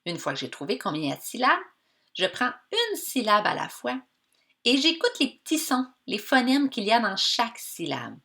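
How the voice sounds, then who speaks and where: A woman teacher with a Québécois accent giving a reading lesson to children, slowly drawing out the sounds in words and encouraging her pupils. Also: on the high side, huge pitch swings, creaky, sharp tone. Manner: slow, stretched-out sounds of words for young learners; encouraging, addresses pupils directly.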